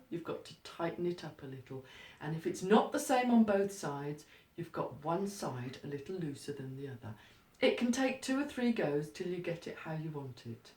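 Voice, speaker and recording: Woman doing a practical craft how-to, deepish voice, bit far from the mic. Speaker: craft instructor. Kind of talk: step-by-step how-to demonstration. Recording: roomy, echoey, distant microphone.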